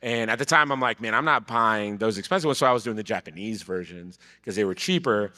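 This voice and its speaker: Man, from Brazil, thirties, bright tone, casual storytelling, echoing event hall. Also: fairly low pitch, brisk. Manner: relaxed storytelling, trails off quietly at ends of thoughts. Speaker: podcast guest, card vendor. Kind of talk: casual chat. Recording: live event hall with long reverb.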